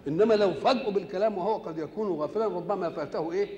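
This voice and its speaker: A man with an Egyptian accent giving a Quran commentary lesson. He recites verses slowly and keeps asking rhetorical questions, then answers them himself. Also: high voice, darkish tone, big-room sound, dull audio, slight background noise. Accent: Egyptian Arabic.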